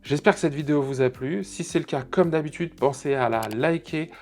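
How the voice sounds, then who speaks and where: A tech review channel host with a slightly high, slightly mellow voice talks a little fast as he gives a casual product demonstration to camera, explaining gear conversationally and addressing his viewers directly.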